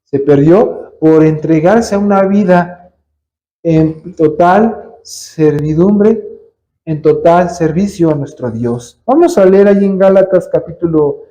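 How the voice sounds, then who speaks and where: A man with a Mexican accent preaches a sermon in church, his voice high-pitched yet soft and mellow. He keeps calling out to the congregation as brothers and sisters and asks them question after question, leaving them hanging. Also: dull audio. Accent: Mexican Spanish. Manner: addresses listeners as brothers, rhetorical questions.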